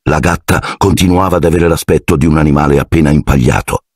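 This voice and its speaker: A man reading an audiobook aloud in scripted, expressive storytelling narration. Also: a bass voice, fast, husky, no echo, clean studio sound.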